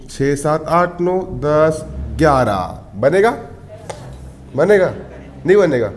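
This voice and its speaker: A male math teacher with a Madhya Pradesh Hindi accent speaks in a slightly high voice, drawing out each word at a slow pace. He counts tallies aloud in a classroom and scolds students who talk. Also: a little hiss or hum. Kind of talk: classroom lesson.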